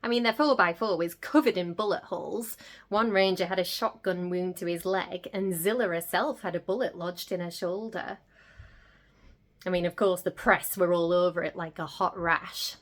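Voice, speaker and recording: An actress playing a gossipy, excitable young vlogger, gushing and gasping as she talks in a comedic monologue. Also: on the low side, moderate pace, natural voice. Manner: gushing, gossipy, breathless gasps and squeals.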